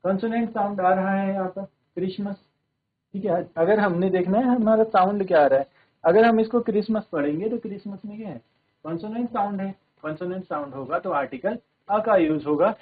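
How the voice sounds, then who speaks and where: A male English teacher, giving a classroom grammar lesson in a steady manner and often checking that everyone follows. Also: high-pitched, fairly quick. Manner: steady, repeats "ठीक है" to check understanding. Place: broadcast studio classroom. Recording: tinny phone-like audio.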